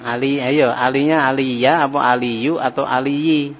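Slow-drilling male Arabic teacher in a hall. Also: medium pitch, fairly even intonation, slight background noise. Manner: slow, drawn-out drilling of phrases. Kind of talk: classroom grammar lesson. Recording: dull lo-fi recording with long reverb.

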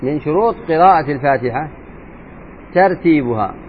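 A man teaching jurisprudence as a sheikh, explaining a text and slowly repeating and demonstrating letter sounds aloud. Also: on the high side, lively intonation. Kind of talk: religious lesson explaining a legal text. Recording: tinny phone-like lo-fi sound with faint noise.

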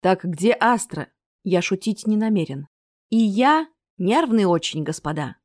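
A woman's voice: mid-range voice, animated, a little slow, darkish tone, no echo, studio quality, close to an everyday voice. A woman voicing a nervous young male bard who threatens and then pleads, in an audiobook reading. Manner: tense, whispering threats.

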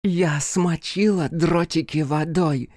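A sneering, defiant demon woman from an audiobook, pitched up above the reader's own voice and drawn out slowly, with a dry, close sound, as a male narrator puts her on. she answers her captors with cold contempt. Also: steady tone, a little mellow, dry recording. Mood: scornful. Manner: scornful, then cackling madly. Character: mocking treacherous demon woman servant. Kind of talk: audiobook character voicing.

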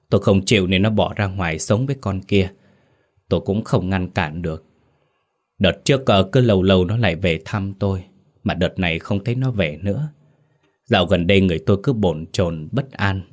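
A man's voice: deep voice, natural voice. A man voicing a grieving middle-aged mother who pleads and wails for her lost son. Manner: pleading, sobbing and wailing.

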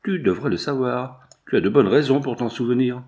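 A man's voice: mid-range voice, fairly quick, a little mellow, close to an everyday voice. Man voicing an elderly general, grief-stricken, shaken lamenting delivery, audiobook reading. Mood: anguished.

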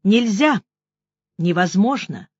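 A woman's voice: medium pitch, expressive, slow pace, slightly rough, no room sound, lo-fi sound. A woman voicing a gloomy ex-wife who gives short, reluctant answers. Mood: terse. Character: gloomy widowed ex-wife, terse and tearful.

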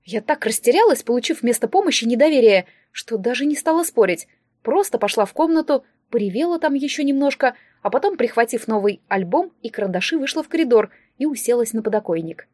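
Expressive woman reading an audiobook. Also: on the high side, quick pace, no room sound, clean studio sound. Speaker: audiobook narrator. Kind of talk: first-person audiobook narration.

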